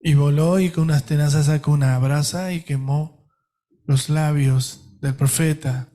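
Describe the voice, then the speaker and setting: Slow, emphatic Argentine pastor preaching. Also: male voice, a little high, steady tone, mellow. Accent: Argentine Spanish. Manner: emphatic, preaching with dramatic pauses. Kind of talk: sermon.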